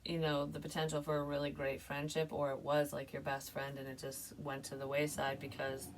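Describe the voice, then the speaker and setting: A woman's voice: deep voice, monotone, brisk, distant mic, noisy background. A woman giving a casual tarot reading, talking in a chatty, rambling way full of fillers. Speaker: tarot reader.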